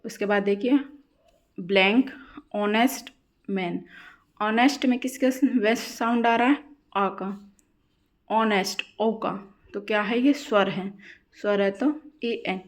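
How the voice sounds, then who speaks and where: A woman teaching an English grammar lesson for exam students, asking questions and answering them herself, repeating key words slowly. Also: medium pitch. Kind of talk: classroom-style lesson explaining grammar.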